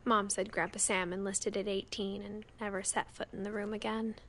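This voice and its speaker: A woman acting a reflective young woman who recounts her family's history in measured, wistful narration for a story game. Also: mid-range voice, little pitch movement, fairly bright tone, slight background noise, lightly acted. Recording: music behind the voice.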